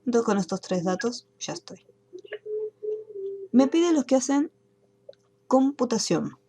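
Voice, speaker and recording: A woman teaching an online class, explaining software steps patiently one by one. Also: on the high side, very animated, measured pace, breathy edge. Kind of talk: screen-recorded software tutorial.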